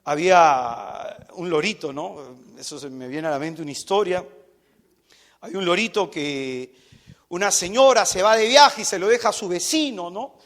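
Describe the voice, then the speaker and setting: A man's voice: sits high, moderate pace. A young adult man preaching a sermon to women, telling stories and acting out the people in them. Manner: animated storytelling, acts out voices.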